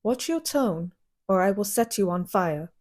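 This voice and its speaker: A woman's voice: mid-range voice, lively intonation, a little slow, a little mellow. A woman playing a stern, fiery young woman warrior who speaks in blunt, clipped lines.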